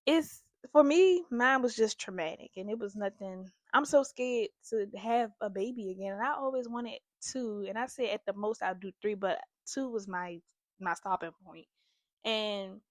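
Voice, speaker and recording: A woman's voice: a little high, no echo, clean studio sound. A young woman hosting a candid, confessional vlog, talking earnestly and emotionally straight to her viewers. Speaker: host.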